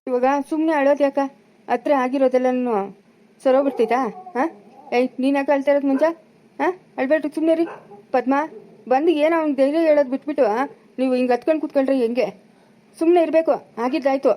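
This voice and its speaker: A woman's voice: sits high, fairly even intonation, quick pace, long pauses, warm tone, slight background noise, close to an everyday voice. A woman playing a bossy village brother-in-law in a family drama, scolding and commanding in a rural Chikkaballapura Kannada accent.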